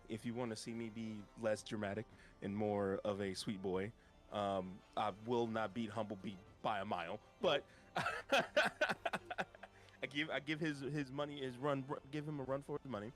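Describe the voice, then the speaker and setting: A man's voice: fairly low pitch, steady tone, normal speed, soft background music. A man who played in the game, plugging his podcast in a hesitant, self-deprecating way. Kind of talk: casual self-promotion.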